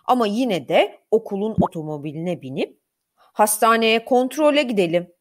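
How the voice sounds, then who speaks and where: A woman voicing a calm adult male school doctor in a children's storybook lesson, reassuring and brisk. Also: mid-range voice, natural voice.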